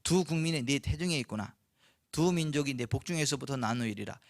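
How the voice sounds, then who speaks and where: A male pastor preaching a sermon, reading scripture slowly and asking the congregation rhetorical questions. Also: medium pitch, animated, no room sound, studio quality. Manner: slow, weighty scripture reading.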